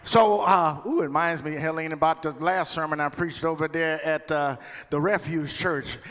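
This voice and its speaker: Male Southern US preacher, folksy call-and-response sermon delivery, bright forceful tone, long hall reverb. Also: a little high, steady tone, normal speed. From Louisiana, United States. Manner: folksy, conversational asides with call-and-response to listeners. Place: large echoing room, preaching to a gathering.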